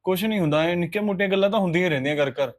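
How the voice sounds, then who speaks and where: A placating young husband from a drama film, played by a man, who coaxes his upset wife and keeps repeating reassurances. His voice sits somewhat high for a man. He speaks in an everyday, gentle tone. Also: very fast, close to an everyday voice. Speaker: actor in a short film.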